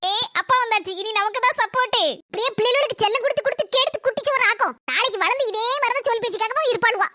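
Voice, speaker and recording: A woman's voice: very high-pitched, racing, sharp tone, dry recording, clean studio sound. A woman voicing a short-tempered village wife and mother in a cartoon, bossy and threatening, with a southern Tamil Nadu accent. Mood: grumbling.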